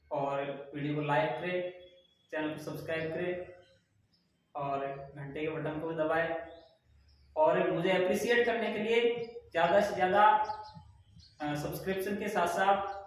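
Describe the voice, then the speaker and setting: Male teacher, higher-pitched, quizzing his class and answering his own questions; mic set back in a very echoey room. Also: distant mic. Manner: repeats questions to students and answers them. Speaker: English teacher. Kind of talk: Hindi-language grammar lesson.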